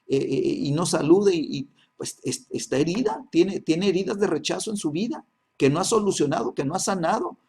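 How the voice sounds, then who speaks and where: Man, church Bible class teacher, husky voice, halting delivery, constant check-ins. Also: fairly high pitch, a little mellow. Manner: constant "¿verdad?" and "¿sí?" checks, many halting fillers.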